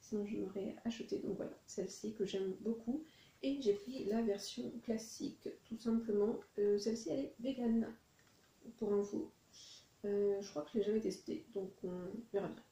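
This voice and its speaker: Chatty woman with a dark, mellow voice. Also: mid-range voice, normal speed, reverberant, low-quality recording. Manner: rambling, self-correcting, chatty. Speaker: vlogger showing shopping haul. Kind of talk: casual chat.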